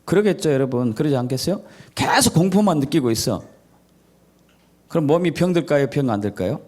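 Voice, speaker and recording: A man's voice: on the high side, animated, fairly quick. A male pastor preaching a sermon who keeps asking the congregation questions and answering them himself, stacking up repeated phrases in lists. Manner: acts out scolding and gentle parent voices; repetitive listing cadence.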